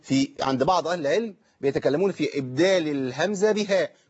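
A man with an Egyptian Arabic accent teaches Quran recitation at a quick pace, with a voice pitched a little above the usual. He keeps asking rhetorical questions and then slows down to recite words as examples. The sound is dull and lo-fi. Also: husky. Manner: explains by asking himself questions, then demonstrates slow, drawn-out recitation. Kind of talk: tajweed lesson answering viewer questions.

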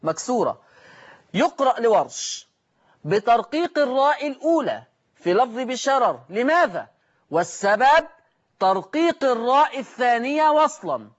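Man, high voice, recitation teacher, lesson, muffled lo-fi sound. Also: big pitch swings, moderate pace. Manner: explains with questions to the class, answers them himself. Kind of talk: tajweed lesson.

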